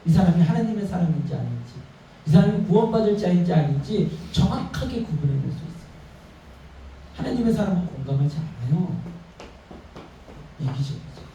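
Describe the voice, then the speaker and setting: A man's voice: high-pitched, expressive, brisk, dark tone. A man in his thirties preaching a Sunday sermon as pastor, repeating his phrases and asking and answering his own questions. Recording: roomy church sound from far off, faint noise.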